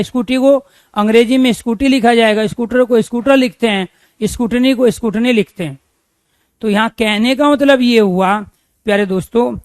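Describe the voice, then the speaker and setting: A man's voice: extremely high pitch, dry recording. A man teaching a grammar lesson, repeating key phrases and asking questions he then answers himself.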